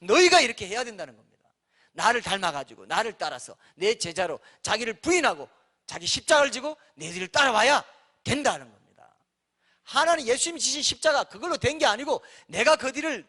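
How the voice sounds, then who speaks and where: Male pastor, sermon, emphatic rhetorical style, high animated voice. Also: brisk. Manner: emphatic, rhetorical questions to the congregation.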